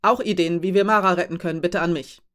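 A woman reading an audiobook voices a huge, calm female ship captain who gives orders in a factual, firm tone. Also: lowish voice, fast talker, lightly acted. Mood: calm, commanding. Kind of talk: audiobook character voice.

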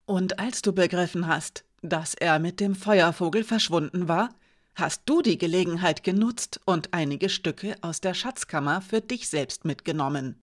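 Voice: mid-range voice, moderate pace, lightly acted. A reader playing a cold, commanding woman officer. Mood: interrogating. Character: stern female commander, cold and menacing. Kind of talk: audiobook character voice.

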